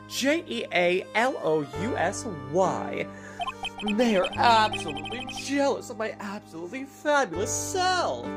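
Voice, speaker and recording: A woman's voice: medium pitch, voice pushed up. A woman voicing a vain, flamboyant male circus magician from a video game, boastful and showy. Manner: showy, self-adoring, spelling words out. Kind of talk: video game read-aloud. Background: game music.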